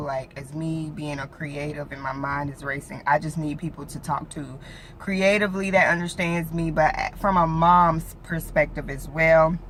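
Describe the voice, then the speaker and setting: A woman's voice: low-pitched, fairly bright tone, slight background noise. A woman in her late twenties chatting casually in a vlog, rambling with many fillers like "like" and "you know", three weeks after giving birth. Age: late 20s. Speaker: vlogger.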